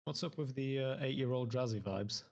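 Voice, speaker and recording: A man chatting casually as a panel guest, his voice echoing and booming as if he were in a tunnel far from the mic. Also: normal speed, vocal fry, a little mellow, highs cut off. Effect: echoing tunnel-like sound, booming bass resonance. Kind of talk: casual chat. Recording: distant hollow mic sound, as if from far off.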